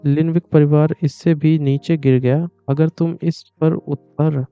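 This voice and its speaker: A man's voice: fairly high pitch, flat delivery, unhurried, gravelly, clean tone, no room sound. A man voicing a scornful red-haired young woman mage with a sneering, cutting delivery. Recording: dull lo-fi with music behind.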